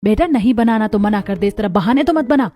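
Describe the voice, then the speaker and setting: A woman's voice: medium pitch, expressive, a little fast, mellow, natural voice. A woman voicing a stern mother who favors her sons, in a cartoon story, speaking in a scolding, harsh way. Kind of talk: cartoon voice acting.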